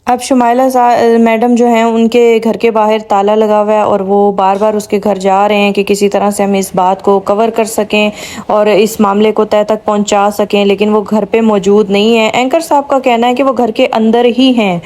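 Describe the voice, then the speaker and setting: A woman vlogger talks straight to her audience in an easy, chatty commentary. Her voice is mellow and warm, sitting at an ordinary middle pitch. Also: level tone. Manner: chatty, addresses viewers directly. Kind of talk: casual commentary to viewers.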